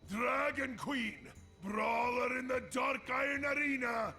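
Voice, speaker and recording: Shouting, very high-pitched arena announcer. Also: male voice, vocal fry, exaggerated voice. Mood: showy excitement. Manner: shouting, showy, drawn-out introductions. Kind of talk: game character voice acting. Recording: loud game music behind.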